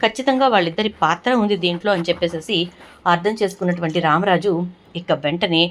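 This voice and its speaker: A woman retelling a television serial episode in a plain, steady storytelling voice. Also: lowish voice, quick pace, slight background noise. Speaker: serial recap narrator.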